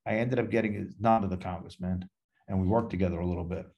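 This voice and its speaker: A man's voice: deep voice, fairly even intonation, fast talker, dark tone, dull audio. A man, a podcast guest telling rambling anecdotes and acting out the dialogue in them. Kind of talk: casual storytelling interview.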